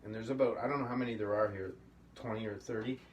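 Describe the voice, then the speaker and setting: Talking fast in a fairly low voice with fairly even intonation, a middle-aged man teaches a casual puppetry session at a studio table, encouraging and rambling by turns. The audio is dull, with a slightly distant mic and faint room hum.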